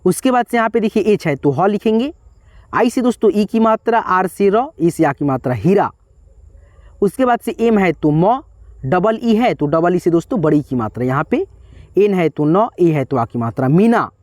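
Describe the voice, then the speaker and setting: A man's voice: high-pitched, lively intonation, normal speed, a little mellow, dry recording, clean studio sound. A man teaching an online lesson, patiently spelling out words piece by piece and often calling his viewers friends. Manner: repetitive, patient step-by-step spelling out. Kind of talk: whiteboard lesson.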